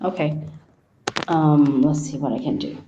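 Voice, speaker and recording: A woman in a casual live chat whose online call audio keeps breaking up, speaking haltingly with fillers while she tries to fix it. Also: low voice, background noise. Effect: choppy, breaking-up online call audio. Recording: muffled, echoey online call.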